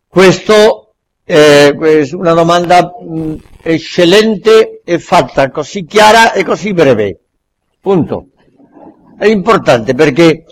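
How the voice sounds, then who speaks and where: A man giving a public lecture in Italian, haltingly searching for words and repeating phrases for emphasis. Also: sits high, poor audio. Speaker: guest lecturer. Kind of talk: public lecture with questions and answers.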